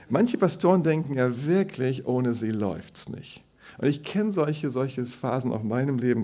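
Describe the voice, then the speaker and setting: A man's voice: medium pitch, dark tone, slightly rough. A man who is a pastor, preaching a sermon and telling stories about himself with self-mocking humor.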